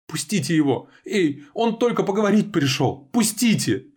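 A man's voice: mid-range voice, a little fast, darkish tone, pitched above the performer's own voice, lightly acted. A man reading an audiobook, voicing a frightened young woman who pleads for the man she loves. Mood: pleading loudly. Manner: pleading, tearful. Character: frightened devoted young woman, the narrator's girlfriend.

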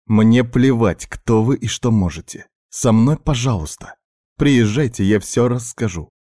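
A man voicing a tired, sharp-tongued young woman who is a doctor and a witch, snapping back indignantly. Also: medium pitch, lively intonation, moderate pace, dry recording, clean studio sound, pitched above the performer's own voice, natural voice. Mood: hushed insistence.

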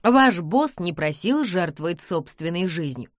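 A woman's voice: fairly low pitch, expressive, measured pace, dry recording, studio quality. A woman voicing a brave young girl detective who pleads and urges in an audiobook. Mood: coaxing. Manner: urgent, pleading.

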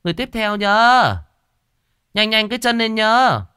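A man voicing a shrill, bossy middle-aged female village medium who talks down to people. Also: lively intonation, measured pace, pushed and bright, clear, resonant tone, no echo, clean studio sound, heavily acted. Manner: brusque, scolding, self-important.

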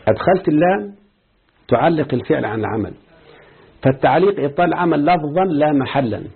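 A man's voice: a little high, expressive, quick pace, gravelly, breathy edge. A man with an Egyptian Arabic accent teaching a grammar lesson, explaining step by step and quizzing his students. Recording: tinny phone-like lo-fi recording.

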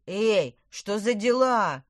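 Lady voicing a loud eager little boy in a storybook, dry close sound. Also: on the low side, normal speed, no room sound, close to an everyday voice. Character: plucky young schoolboy twin.

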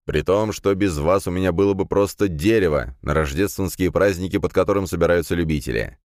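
Curt, grumbling middle-aged rector, read by a man in a low voice. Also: brisk, darkish tone, no room sound, clean studio sound, natural voice. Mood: irritated. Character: grumpy middle-aged male university rector.

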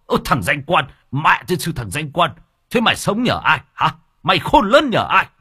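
A man's voice: on the high side, huge pitch swings, normal speed, slightly rough, no room sound, clean studio sound, voice pushed up, heavily acted. A man doing a furious old village father. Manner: yelling, ranting.

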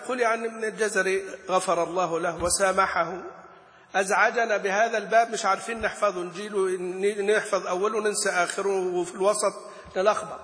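A high, bright male voice giving a recitation lesson, sounding out single letters and chanting quoted verse lines. He puts questions to the class and answers them himself. The sound carries a long, roomy reverb, as in a large hall. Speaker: Quran recitation teacher. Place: Gulf region. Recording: echoey room with long reverb.

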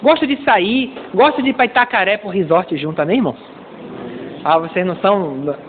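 Brazilian male pastor, middle-aged, high voice, joking sermon style, tinny recording with long hall reverb. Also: a little fast, a little hiss or hum. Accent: Brazilian Portuguese. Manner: playful, acts out little dialogues, calls for amens. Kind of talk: lively humorous sermon.

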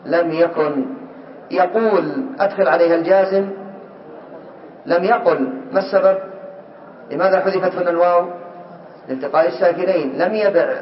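A man teaching Arabic grammar in a classroom lesson, asking students by name and repeating examples slowly. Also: fairly high pitch, slight background noise. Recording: echoey, distant, muffled lesson recording.

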